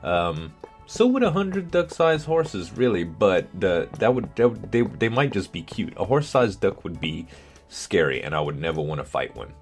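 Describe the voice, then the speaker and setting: A young man with a deep voice answers viewer questions for his gaming channel at a moderate pace, sounding relaxed but hesitant and saying "um" a lot. Soft music plays in the background.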